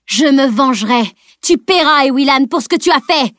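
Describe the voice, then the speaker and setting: A woman's voice: a little high, normal speed, no echo, studio quality, natural voice. A woman voicing a dying, power-mad female sorceress who spits contempt and hatred in an audiobook reading. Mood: vengeful. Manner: spitting venom, grandiose and contemptuous.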